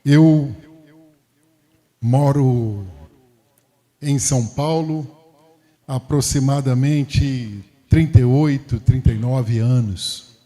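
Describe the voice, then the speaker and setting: In a large hall, a middle-aged Brazilian man from Rio de Janeiro preaches as a guest pastor, his medium-pitched voice warm and slow with long pauses. He speaks conversationally, often tacking on short tags that invite agreement, and the church sermon includes personal greetings.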